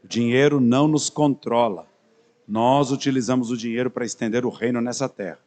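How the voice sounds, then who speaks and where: A Brazilian pastor in his fifties from São Paulo, speaking with a São Paulo Portuguese accent, introduces himself to his congregation before a sermon. His mid-range, steady, darkish voice runs a little fast, and he's chatty and joking, full of fillers and restarts.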